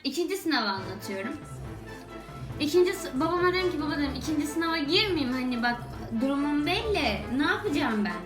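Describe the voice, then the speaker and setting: A young woman vlogger telling a funny personal story to camera in an animated way, exclaiming and laughing between lines. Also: high voice. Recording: echoey room with background music.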